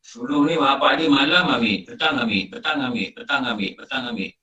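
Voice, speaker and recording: He talks fast with lively intonation, his medium-pitched voice pushed and bright, though the highs are cut off. A middle-aged religious teacher with a Malaysian Malay accent, he tells repetitive stories in a conversational, informal lecture. The sound is roomy and the mic is far away.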